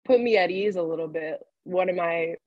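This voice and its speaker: Young woman reporter, chatty and halting, slightly low, muffled dry recording. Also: no echo. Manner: chatty, many fillers and restarts, laughs easily. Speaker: sports reporter guest. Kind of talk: casual podcast chat. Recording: dull, dry lo-fi sound.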